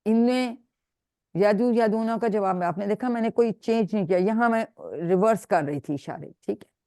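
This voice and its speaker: A woman's voice: mid-range voice, dark tone, dry recording, clean studio sound. A woman teaching an online Quran grammar class, patiently drilling students and praising them. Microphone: video call.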